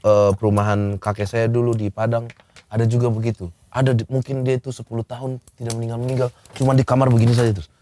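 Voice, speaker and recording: A man's voice: medium pitch, little pitch movement, fast talker, mellow. An Indonesian man in casual podcast chat who keeps asking short questions and murmuring agreement.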